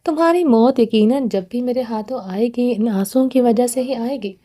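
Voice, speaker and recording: A woman's voice: on the high side, mellow, natural voice. A woman reading the part of a menacing, short-tempered young man in a storybook, in a cold, commanding way.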